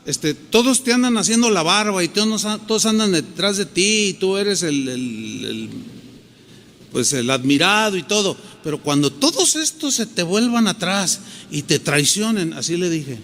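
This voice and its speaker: A man's voice: sits high, very animated, normal speed, fairly bright tone, long reverb tail, a little hiss or hum. A middle-aged man preaching a sermon, acting out quoted dialogue as he tells a story. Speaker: pastor.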